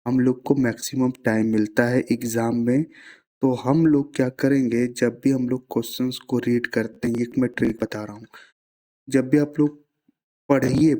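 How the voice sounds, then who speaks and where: A man's voice: mid-range voice, steady tone, moderate pace, warm tone. A man, teaching science in a casual classroom-style explanation, asking himself rhetorical questions and mixing in English terms.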